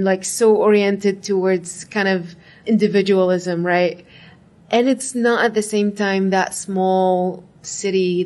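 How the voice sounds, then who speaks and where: A woman's voice: mid-range voice, a little mellow. A woman, talking reflectively in an interview and leaning on "like" and "right?". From Iraq. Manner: reflective, frequent "like" and "right?" asides. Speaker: interviewee, graduate student. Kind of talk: casual interview talk.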